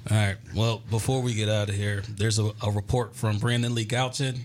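A man with an American accent and a hoarse, worn-out voice that is nearly gone, talking casually about sports as a podcast host. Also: lowish voice, flat delivery, brisk, slight background noise.

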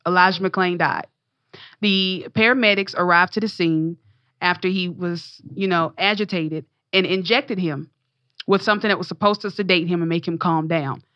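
A woman's voice: lowish voice, steady tone, normal speed, fairly bright tone, no room sound, lo-fi sound. A young adult woman and entertainer, telling a story in casual talk with passionate, blunt, profane energy. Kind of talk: casual talk show conversation.

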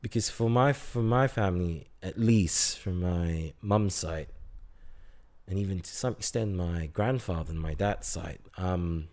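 A man's voice: sits low, a little slow, a little mellow. A man in his twenties from Singapore, a chemistry student chatting casually in an interview, hesitant with many fillers. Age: 20s.

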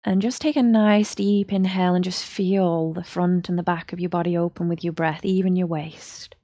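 A woman, a yoga teacher leading a slow, soothing guided body-scan relaxation. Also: lowish voice, steady tone, warm tone, no room sound, clean studio sound.

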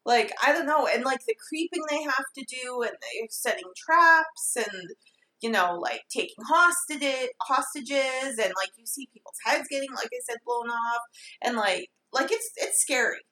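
A woman co-hosting a podcast in casual chat, excitable and rambling, often saying "like". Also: sits high, unhurried. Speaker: podcast co-host. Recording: roomy echo.

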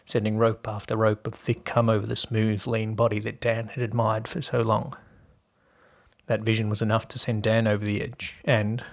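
A man hosting a podcast and narrating a story in an even, steady reading voice. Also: fairly low pitch, vocal fry.

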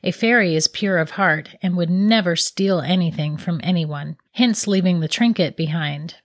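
Calm woman narrating a fairy tale. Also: lowish voice, moderate pace, no room sound, clean studio sound. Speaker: storyteller. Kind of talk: scripted narration.

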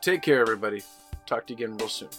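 A man's voice: fairly low pitch, rapid-fire, a bit bright. Give me an upbeat man hosting a podcast with guitar music under him. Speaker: podcast host. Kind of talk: podcast outro.

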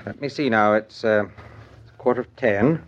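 In a 1940s radio soap opera, an actor with a lowish, near-everyday voice plays a dry, courteous middle-aged businessman and father. He speaks formally and articulately at a moderate pace, with wry regret and a courteous, rueful mood. The broadcast recording sounds dull.

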